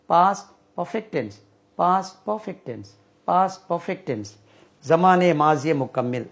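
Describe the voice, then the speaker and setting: Slow man teaching grammar. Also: fairly high pitch. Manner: slow, repeats and spells out terms while writing. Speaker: English teacher. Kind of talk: whiteboard grammar lesson.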